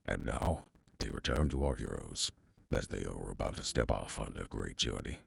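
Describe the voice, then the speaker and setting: Gravelly, very deep male narrator. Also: animated, moderate pace, no echo. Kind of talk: scripted narration.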